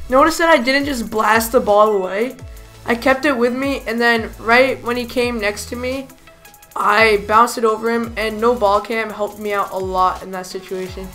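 A hoarse woman giving chatty, self-deprecating commentary over her own gameplay as a gaming YouTuber. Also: on the high side, bright, forceful tone. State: hoarse, lost voice.

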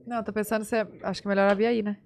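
A woman's voice: medium pitch, little pitch movement, rapid-fire, creaky, a little mellow. A Brazilian woman in her thirties chatting casually as a podcast host at a close studio microphone. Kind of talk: casual chat. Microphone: close boom-arm podcast microphone.

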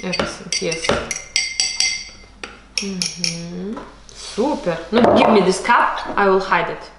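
Speaking slowly in a lowish voice, a mother gives her child a home baking lesson at the kitchen table, patient and instructive, in non-native English sprinkled with Russian. The camera sits across the table, and heavy background noise fills the echoey kitchen, with dishes clattering.

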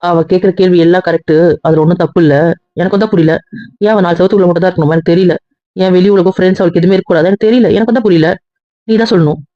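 A man's voice: high voice, fairly even intonation, rapid-fire, dry recording, highs cut off, lightly acted. A man playing a blunt male friend who talks matter-of-factly.

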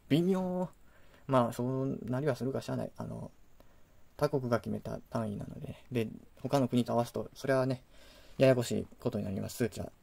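A man's voice: medium pitch, gravelly, warm tone. A man with a Kansai accent hosting a casual vlog, ranting in exasperation with sudden indignant outbursts. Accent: Kansai Japanese. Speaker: video host.

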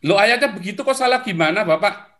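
Persistent debater, tense bright tone, keeps pressing. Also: male voice, sits high, expressive, fast talker. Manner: persistent questioning, polite address. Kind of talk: heated debate.

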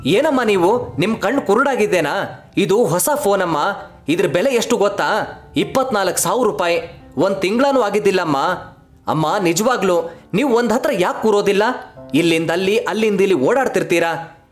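A man's voice: high voice, lively intonation, normal speed, soft background music. A man voicing an angry, short-tempered grown son who scolds his mother in a harsh voice.

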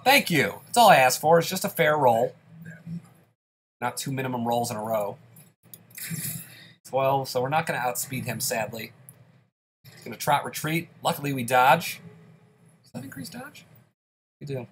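A man with a stuffy, congested voice gives let's play commentary from the host's seat. His pitch sits in the middle for a man. He chats steadily through each move as he plays, with a little faint noise in the background. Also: moderate pace, pauses often. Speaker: gaming channel host.

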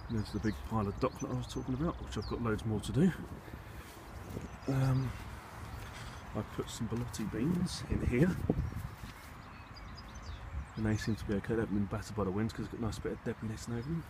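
This English vlogger rambles through his allotment and polytunnel a little fast, leaving long pauses as he thinks aloud, casual and slightly hesitant. Wind and background rumble fill the noisy handheld recording from a phone or camera he holds.

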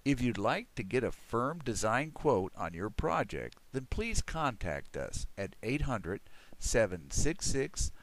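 A middle-aged man reading a scripted promotional voice-over for his pool building firm in a measured, persuasive way. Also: mid-range voice, big pitch swings, slight background noise. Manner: measured, persuasive salesman delivery.

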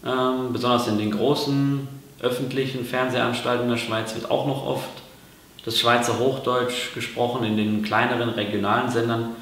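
A man's voice: mid-range voice, fairly even intonation, moderate pace, fairly bright tone. A man from Germany explaining things in a casual vlog, talking hesitantly with lots of fillers and restarts. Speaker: vlogger. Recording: very echoey room.

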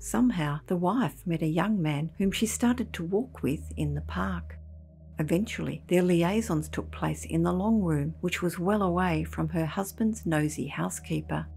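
A woman narrating a scripted ghost story in a measured storybook delivery, with a husky, slightly breathy voice. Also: fairly low pitch, a little mellow, slight background noise.

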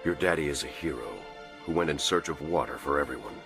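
A man's voice: rumbling low, fast talker, vocal fry, music in the background. A man voicing a grave, reassuring figure in an anime dub. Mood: solemn comfort. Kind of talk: anime English dub acting.

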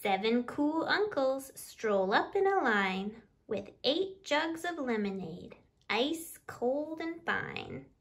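A storytime host in her thirties reads aloud from a children's picture book, addressing young listeners expressively from a small living room beside a window, a few feet from the camera. She speaks slowly in a high, sing-song voice.

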